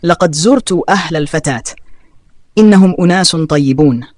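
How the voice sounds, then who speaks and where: A young brother who answers his family with cold scorn, curt and dismissive, read by a male storyteller. The voice sits fairly high. It is recorded close and dry, with no room sound. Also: expressive, a little fast, no echo, close to an everyday voice. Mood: scornful.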